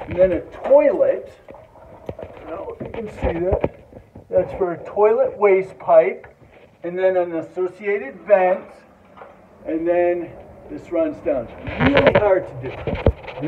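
High-voiced man on a tinny phone. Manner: plain explanatory, halting with fillers. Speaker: home builder. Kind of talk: DIY walkthrough narration. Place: unfinished house under construction, indoors. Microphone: phone camera at arm's length. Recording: tinny phone audio with noise.

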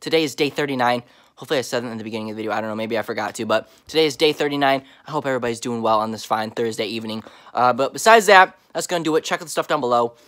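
A man's voice: mid-range voice, very fast, fairly bright tone. A young man vlogging a snack taste test from his home basement, talking in laid-back slang and chewing as he goes.

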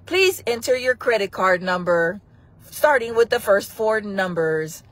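A woman putting on a flat, slow impression of the automated recording that plays on a jail collect call from a payphone, reading out robotic prompts. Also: mid-range voice, voice pushed down, close to an everyday voice. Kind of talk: comic impression in a casual vlog.

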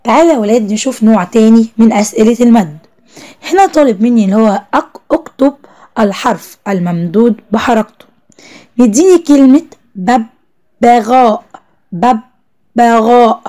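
A young woman with an Egyptian Arabic accent teaching a first-grade Arabic lesson, praising the children and drawing out each word slowly as she spells it. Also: on the high side, animated, warm tone. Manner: drawn-out slow spelling of words, encouraging praise to children.

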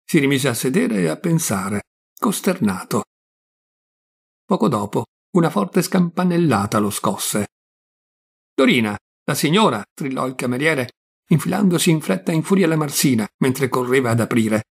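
Italian guy reading a short story, gravelly and husky, steady expressive telling. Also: medium pitch, normal speed. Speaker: audiobook reader. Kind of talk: literary narration of a short story.

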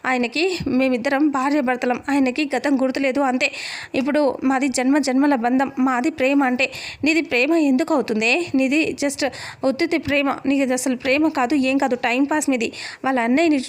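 A woman's voice: sits high, steady tone, moderate pace, close to an everyday voice. A woman voicing a furious scolding elder sister. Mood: angry scolding. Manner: scolding, shouting.

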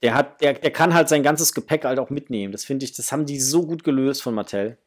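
Speaking at a quick pace with a medium-pitched voice, a middle-aged man hosts a toy unboxing for his toy collecting channel. He's casual and gushingly enthusiastic with his viewers, recording in a small room at home.

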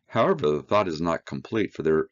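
A man teaching a verse-by-verse Bible study, reading scripture aloud and explaining it with slow, earnest emphasis. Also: low-pitched, sing-song, dull audio.

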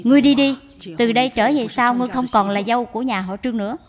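A woman voicing a harsh, scornful old mother-in-law who scolds and shouts in a dubbed period drama. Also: a little high, very fast, lightly acted. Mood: furious. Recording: with music behind.

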